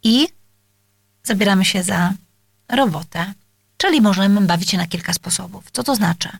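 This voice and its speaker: A woman's voice: mid-range voice, expressive, moderate pace, gravelly, breathy edge, no room sound, studio quality. A woman speech therapist explaining exercises to parents, talking with many hesitations and filler sounds and addressing her listeners politely.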